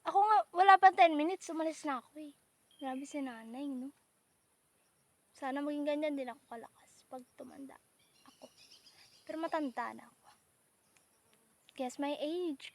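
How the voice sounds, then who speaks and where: Playful high-voiced woman vlogging outdoors. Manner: chatty, playful, mixes Tagalog and English. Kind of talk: casual vlog chat. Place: outdoors by rice fields.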